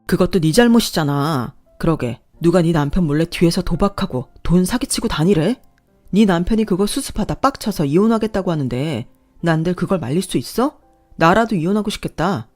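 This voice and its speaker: A woman's voice: fairly low pitch, animated, fairly quick, darkish tone, soft background music. A woman voicing a stern adult man who scolds his sister with a raised voice. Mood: stern, scolding.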